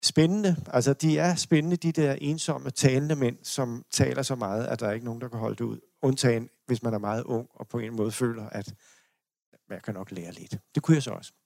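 A man's voice: medium pitch, fairly even intonation, gravelly, darkish tone, no echo, studio quality. An older man from Denmark giving a lecture, telling personal stories in a rambling, anecdotal way with restarts and chuckles. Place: lecture hall.

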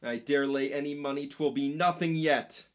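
A man's voice: fairly high pitch, normal speed, lightly acted. A man playing a rowdy, boisterous knight in a stage play, teasing and blustering. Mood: scheming.

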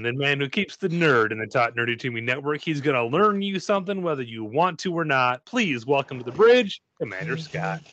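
A man's voice: medium pitch, a bit bright, no echo, lo-fi sound. A man hosting a podcast, introducing the crew in a jokey, showman-like way and apologizing playfully. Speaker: podcast host. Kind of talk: casual podcast chat.

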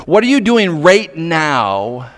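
A male preacher speaks in a large, reverberant hall. His voice sits fairly high and swings widely in pitch as he delivers his sermon. He drops to hushed, pointed questions and rises to emphatic warnings. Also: big pitch swings, slow pace. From Nova Scotia, Canada. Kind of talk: sermon to men, storytelling with pointed rhetorical questions.

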